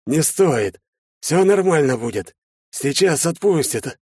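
A male audiobook narrator voicing an ailing older man with a failing heart, hoarse, strained and halting. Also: mid-range voice, no room sound, studio quality, pitched above the performer's own voice, natural voice. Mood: strained, pained. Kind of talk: audiobook character voice.

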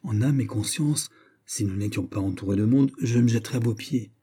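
A man's voice: on the low side, brisk, warm tone, husky. Man doing a teasing young gallant officer. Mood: mock-gallant. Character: gallant young male Spanish naval ensign, teasing.

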